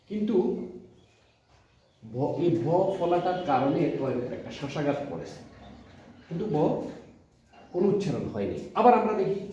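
A man with a Bangladeshi Bengali accent, a college lecturer teaching pronunciation, speaking deliberately in short halting phrases and repeating example words slowly. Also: mid-range voice, mellow. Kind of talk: spoken classroom lesson. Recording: echoey room, distant mic, dull sound.

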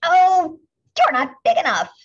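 A woman voicing a small grouchy ladybug that picks fights, with loud, brash taunts, on a slightly muffled recording. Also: fairly high pitch, very animated, unhurried, breathy edge, voice pushed up, heavily acted.

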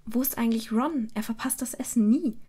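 A woman's voice: a little high, brisk, warm tone, slightly rough, voice pushed up. A woman voicing a bossy teenage schoolgirl witch who scolds her friends. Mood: stern. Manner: strict, scolding. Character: sharp-tongued teenage girl witch, bossy.

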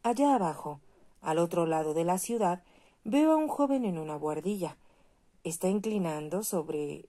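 A sorrowful, gentle statue prince, read by a woman. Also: sits low.

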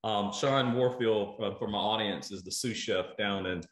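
A middle-aged food show host interviews a guest over a video call, thinking aloud with many fillers and repeated words. He speaks in a lowish voice at a moderate pace through earbuds, and the call audio sounds roomy.

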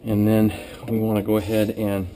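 A man with a fairly low, monotone voice narrates a cleaning job in a small indoor workplace kitchen as he does it, like a trainer giving hands-on instruction. He speaks at normal speed in a casual, plain, practical way. The audio comes from a body-worn or head-mounted action camera and picks up clear noise and room ambience.

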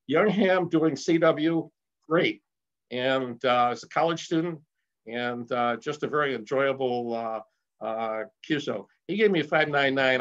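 A man's voice: mid-range voice, a bit bright. An older man giving an informal slide presentation at a radio club, rambling with many fillers and restarts and getting enthusiastic. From Rochester area, United States. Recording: slightly dull lo-fi sound.

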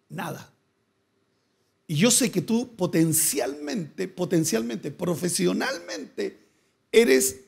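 A man's voice: high voice, vocal fry, a little mellow, slightly rough. A male pastor preaching a sermon, asking rhetorical questions and building to emphatic repeated phrases. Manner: preaching with rising emphatic bursts and repeated words.

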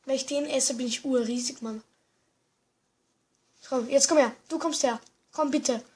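A young gamer giving excited commentary, exclaiming often and muttering to themself. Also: high-pitched, unhurried. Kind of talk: excited let's-play commentary.

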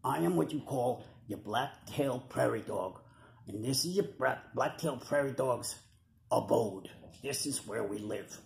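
A man's voice: medium pitch, unhurried, reverberant. A man performing a wisecracking male prairie dog puppet who talks in a chatty, streetwise New York tough-guy way, recorded on a webcam in a room at home. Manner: gravelly, chatty tough-guy patter with slang. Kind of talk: puppet comedy sketch.

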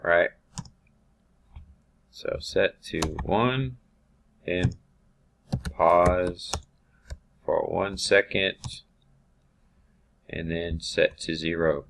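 A man teaching automation software over a screen recording, thinking aloud with ums and restarts. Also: low voice, very slow, gravelly, long pauses, slight background noise. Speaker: automation instructor.

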